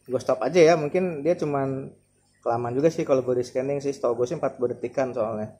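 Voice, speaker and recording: A man's voice: medium pitch, a little fast, dark tone. A man in his thirties with a Jakarta Indonesian accent, thinking aloud in an informal, hesitant product demo in a room at home. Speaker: vlogger testing a massage chair. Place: indoors, living room at home. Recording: clear background noise, room ambience.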